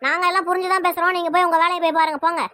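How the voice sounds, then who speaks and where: Doing cartoon voice acting, a woman with a Tirunelveli Tamil accent plays a nagging, sarcastic mother, angry and taking her brother's side in a family fight. Her voice is very high-pitched, pushed and bright, rapid-fire with little pitch movement. The recording is dry.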